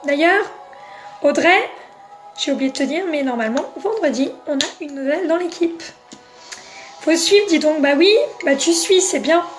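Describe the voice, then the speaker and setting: Casting: high-pitched woman, chatty live-stream makeup seller, faint music under her. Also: lively intonation, moderate pace, long pauses. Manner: chatty, talks straight to viewers by name. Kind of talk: casual live selling chat, answering comments.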